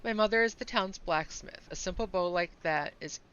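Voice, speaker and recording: A woman's voice: lowish voice, normal speed, a bit bright, smooth, lo-fi sound, lightly acted. A woman reading as a stern loner hunter, Hassan. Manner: reads game dialogue aloud with dry, curt delivery. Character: stern solitary male hunter guarding the woods.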